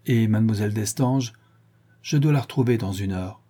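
A man reading a cocky, playful gentleman burglar with theatrical, mocking flourishes. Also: fairly low pitch, moderate pace, slightly rough. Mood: scheming.

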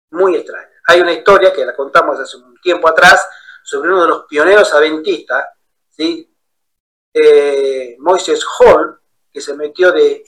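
A male preacher with a high voice leads a sermon-style Bible study. He tells his stories with animation, and his tone is bright and forceful. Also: low-quality recording. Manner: animated storyteller acting out quoted voices.

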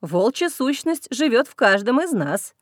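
A woman reading an audiobook voices a plump, gentle female werewolf who speaks softly and calmly. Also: a little high, no room sound, studio quality. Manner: soft, measured.

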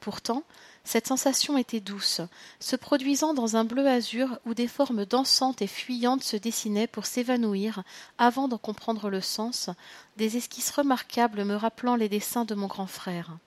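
Brief: female audiobook narrator, measured and expressive, dry studio sound. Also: a little high, no echo. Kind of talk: first-person audiobook narration.

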